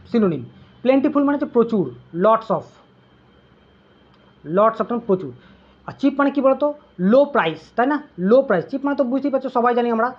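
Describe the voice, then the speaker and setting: Tutor going over english vocab for an exam, husky breathy voice, keeps asking "okay?", sounds kinda dull and lo-fi. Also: medium pitch. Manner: drills terms with constant "okay?" check-ins; asks students questions, then answers them. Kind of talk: online exam-prep lesson.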